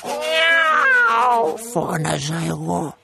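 A woman's voice: medium pitch, big pitch swings, creaky, very noisy. A woman voicing a lazy, chatty male bookshop cat who narrates the story, playful and meowing.

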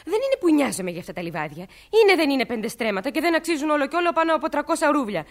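A woman's voice: high-pitched, very animated. A woman playing a stubborn young landowner's daughter who argues indignantly and sarcastically. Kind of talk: stage play acting.

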